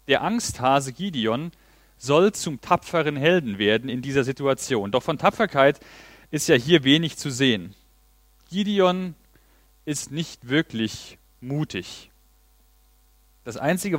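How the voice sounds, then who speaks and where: Guy giving a sermon, earnest, kinda high voice, dry close mic. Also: no room sound. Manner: earnest, reads Bible passages aloud. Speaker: preacher.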